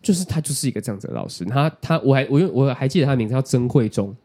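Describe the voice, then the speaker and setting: A man's voice: mid-range voice, rapid-fire. A man, co-hosting a casual podcast chat and telling stories with playful quips. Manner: animated storytelling with playful quips. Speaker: podcast co-host.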